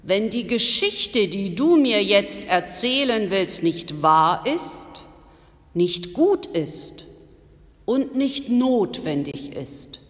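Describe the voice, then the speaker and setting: A woman reading the lines of a wise old Greek philosopher who asks calm, probing questions. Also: medium pitch, slow, in a large hall. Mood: calm questioning.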